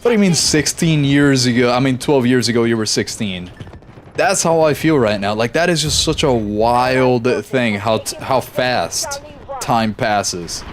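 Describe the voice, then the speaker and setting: A young gaming streamer plays a shooter live, chatting casually with viewers in a relaxed stream. His voice is medium pitch, with slight background noise. He's easygoing and chatty, reads chat aloud, and reacts quickly during fights.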